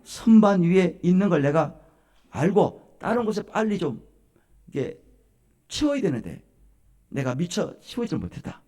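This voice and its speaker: A man's voice: sits high, big pitch swings, measured pace, long pauses, warm tone, full character voice. A man voicing an older woman, a mother-in-law, in an acted quote within a sermon. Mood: apologetic.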